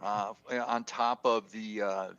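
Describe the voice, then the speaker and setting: A man's voice: lowish voice, flat delivery, takes it slowly, highs cut off, background noise. A man speaking as a guest in a casual interview, hesitant and full of fillers. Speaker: guest, Navy veteran.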